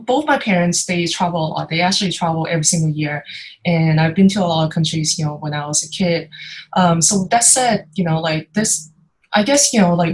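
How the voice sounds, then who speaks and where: A woman's voice: fairly low pitch, poor audio. A woman in her thirties, a startup founder moderating an online panel, talking in a chatty way full of fillers. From United States. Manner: chatty, many fillers like "you know, like".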